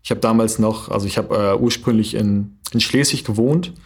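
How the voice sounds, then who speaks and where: A young German man in his twenties, a handball player, answers interview questions thoughtfully, with many hesitation fillers. His voice is husky and fairly low, delivered at a normal speed.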